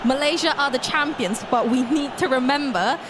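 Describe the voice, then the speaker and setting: A woman's voice: sits high, normal speed, noisy background. A woman from Singapore giving chatty, enthusiastic colour commentary on an esports football match.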